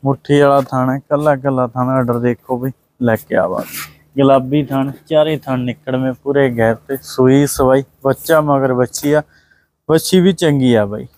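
A man's voice: mid-range voice, steady tone, moderate pace, a little mellow. Punjabi man praising cattle, dry sound. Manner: repetitive, praising, echoes answers. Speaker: livestock video host. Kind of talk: casual livestock sales walkthrough. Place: outdoor dairy farm yard.

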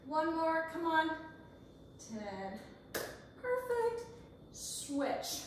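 A fitness instructor in her forties leads a workout in a large home kitchen, counting reps and encouraging the viewer as she exercises. Her voice is very high-pitched and very animated, with drawn-out words and a little hiss or hum. Picked up by a camera across the room, it sounds distant and echoes around the kitchen.

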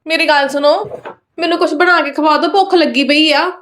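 A woman's voice: sits high, brisk, fairly bright tone, a little hiss or hum. A woman playing a demanding, whiny sister-in-law who argues with her brother's wife in a family skit. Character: demanding young married sister-in-law visiting her parents' home.

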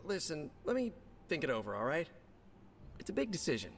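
An actor playing a young, nervous and quippy male superhero in a video game, joking fast with his voice jumping up and down. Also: wildly swooping pitch, fairly bright tone, a little hiss or hum, heavily acted. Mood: chatty. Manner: jokey, fast and playful, voice jumping high and low.

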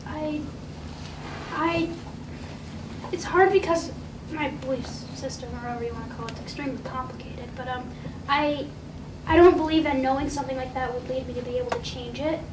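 A teenage girl, a student, speaking earnestly and haltingly in a discussion. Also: high voice. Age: teens. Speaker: student participant. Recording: echoey room from far off with noise.

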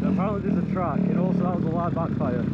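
Young man, gravelly, lively swinging pitch, muffled helmet mic, loud engine roar. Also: fast talker. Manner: chatty, swears freely, loose slang. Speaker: dirt bike vlogger. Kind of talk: casual helmet-cam commentary. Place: outdoors on a dirt bike in woods. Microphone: helmet camera mic. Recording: muffled helmet-cam audio under loud engine noise.

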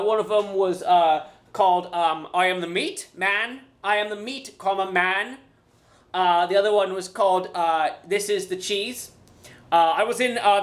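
A vlogger talking in a put-on accent, rambling in a comic way and stopping often to say uh and um. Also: mid-range voice. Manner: hesitant, full of uh and um, restarts. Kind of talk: rambling comic vlog talk.

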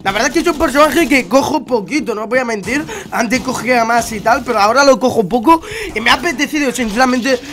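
His voice is very high, fast and a bit bright: a young adult man from Spain, congested with a cold, who talks to viewers in slangy gameplay commentary. He's a gaming YouTuber recording from a room at his home setup through a headset mic, with a Spanish accent.

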